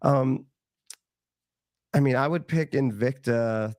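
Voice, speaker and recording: A man's voice: medium pitch, slow pace, darkish tone, no room sound, studio quality. A man chatting casually as a guest, easygoing and a bit hesitant, with lots of "like" and restarts. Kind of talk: casual chat.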